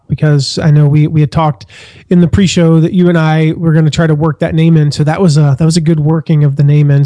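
Upbeat American man, slightly higher voice. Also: dark tone, no room sound. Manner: friendly, upbeat, easygoing. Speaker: guest. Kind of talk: casual interview chat. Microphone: internet call recording.

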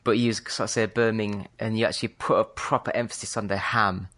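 A British man co-hosting a podcast, chatting in a relaxed way and often hedging what he says. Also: on the low side, quick pace. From Britain. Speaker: podcast co-host. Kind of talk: casual chat.

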